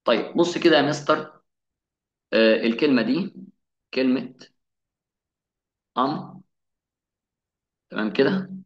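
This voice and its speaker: A man with an Egyptian Arabic accent gives a classroom-style English grammar lesson. He poses questions to his students and answers them himself, slowing down to sound out each English example. His voice rings in an echoey room and sounds slightly dull and muffled. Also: mid-range voice. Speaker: English teacher.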